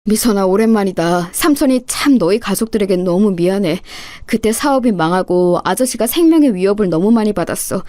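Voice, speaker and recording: A woman voicing a gruff, protective middle-aged uncle who speaks bluntly. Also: medium pitch, expressive, a little fast, hardly any pauses, warm tone, no room sound, close to an everyday voice. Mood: remorseful. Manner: blunt, heated outburst.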